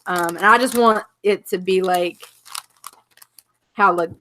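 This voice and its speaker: A woman's voice: on the low side, slow pace, a bit bright, a little hiss or hum. Gushing woman chatting about her shop. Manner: gushing, lots of filler likes. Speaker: shop owner. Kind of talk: casual chat on a live stream.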